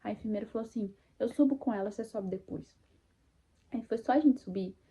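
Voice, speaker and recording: A young Brazilian woman casually and emotionally telling her own birth story to viewers, speaking warmly about her faith and acting out her own cries. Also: mid-range voice, fairly quick, husky. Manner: faith-filled, addresses viewers as "gente". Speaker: vlogger sharing birth story.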